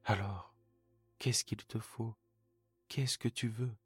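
A man's voice: on the low side, steady tone, slow pace, slightly rough, no room sound, voice pushed up, exaggerated voice. A man voicing a fond, worried old farmer who pleads and exclaims, in a bedtime story reading. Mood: pleading, alarmed.

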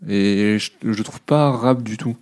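A man's voice: on the low side, unhurried, darkish tone, clear, resonant tone. A man co-hosting a casual podcast about a rap album, talking in an informal way that turns hesitant and repetitive when something moves him. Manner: hesitant, repeats himself when moved. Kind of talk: casual chat.

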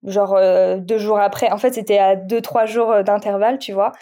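A woman from France speaks as a podcast guest, her voice soft and warm rather than bright. She talks casually and openly, reflecting as she goes, with frequent halting restarts. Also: mid-range voice, little pitch movement. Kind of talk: casual conversational interview.

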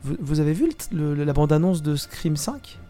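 A man hosting a casual film podcast, relaxed and leading the wrap-up. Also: a little high, moderate pace, soft background music. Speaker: podcast host.

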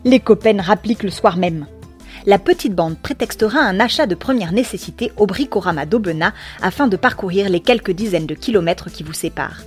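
A woman's voice: mid-range voice, lively intonation, brisk, soft background music. Wry woman narrating a second-person story. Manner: wry, ironic, slangy asides.

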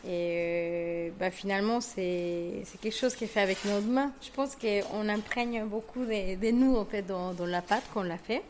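A baker speaks in an interview, her voice sitting in an ordinary middle pitch. She talks reflectively, searching for words and restarting her phrases. She sounds like a guest being questioned rather than someone reading a script. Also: fairly even intonation, unhurried, hardly any pauses, slight background noise. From Mexico. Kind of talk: conversational interview.

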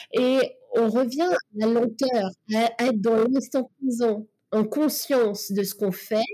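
A woman's voice: fairly high pitch, dark tone. A woman in casual podcast conversation, talking in a reflective, coaching way with many fillers and restarts.

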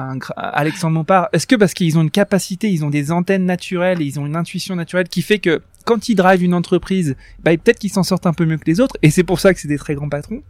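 A man conducting an interview, his voice a little higher than average. He asks long, winding questions and probes for detail. The recording is dry and close. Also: no room sound. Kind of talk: conversational interview.

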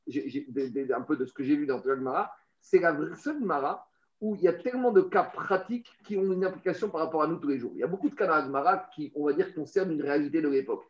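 A man's voice: a little high, fast talker. A man teaching a Talmud study lesson, explaining step by step and speaking straight to the listener, often repeating words as he finds his phrasing. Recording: roomy, dull lo-fi sound.

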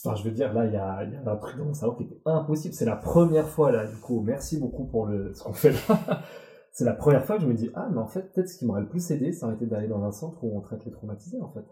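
Man in his forties, very dark voice, blunt and swearing, candid interview, echoey room. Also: mid-range voice, lively intonation, fast talker. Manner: emotional, blunt, swears freely. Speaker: guest, former Olympic athlete. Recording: roomy echo.

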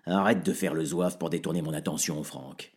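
Un homme joue un voisin bourru et soupçonneux, d'âge mûr, qui menace d'un ton rude. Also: male voice, a bass voice, steady tone, normal speed, voice pushed down. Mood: angry. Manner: gruff, threatening. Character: grumpy suspicious middle-aged father with gun.

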